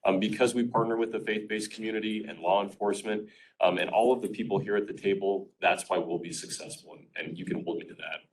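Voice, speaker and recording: A very deep-voiced man chairs a county meeting, answering the public with an assured, reassuring politician's cadence. He sounds set back from the microphone. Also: steady tone, quick pace. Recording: distant mic in a meeting room.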